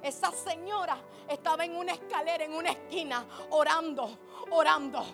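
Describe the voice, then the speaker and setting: A woman preaching a sermon at a church service, impassioned, swinging from hushed storytelling to shouting. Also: very high-pitched, a little fast, soft background music.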